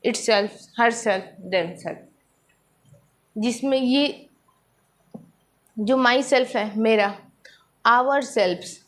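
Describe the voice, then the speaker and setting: A woman teaching English grammar in a classroom lesson, explaining in Hindi, reading English examples out slowly and often checking whether her students follow. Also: on the high side.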